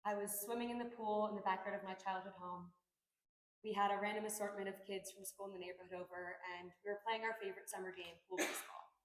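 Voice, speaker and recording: A woman's voice: mid-range voice, fairly even intonation, fast talker, roomy sound, rough recording. Earnest young woman performing a monologue. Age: young adult. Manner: earnest, reflective storytelling with dramatic emphasis. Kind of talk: theatrical personal monologue.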